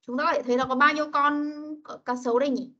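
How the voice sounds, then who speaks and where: A woman leads young children through an online English lesson with a high voice. She coaxes answers from them and slows right down to model words for them to repeat. The video-call audio is muffled and lo-fi. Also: fairly even intonation, pushed and bright.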